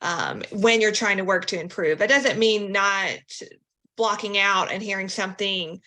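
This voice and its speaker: A woman's voice: medium pitch, a little slow, bright, forceful tone. A woman hosting a casual interview podcast, encouraging and thinking aloud as she repeats her phrases. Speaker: podcast host.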